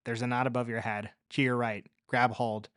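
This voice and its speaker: A man voicing a calm, resourceful young woman survivor, speaking low and matter-of-fact. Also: moderate pace, clear, resonant tone, no room sound, studio quality, natural voice. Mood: coaching.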